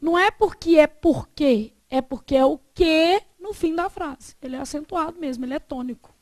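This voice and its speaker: A Brazilian woman teacher lecturing a class on grammar, her voice pitched high. She keeps checking in with the students through short tag questions, and the sound is dry and close with no room echo. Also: normal speed, darkish tone.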